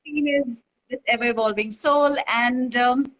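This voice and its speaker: A woman from Dubai chats as an interview guest, her voice sitting high and light. She rambles cheerfully, piling up fillers and circling back on her own sentences. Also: steady tone, a little slow, fairly bright tone, lo-fi sound. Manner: rambling, bubbly, many fillers and self-corrections. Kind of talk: casual chat.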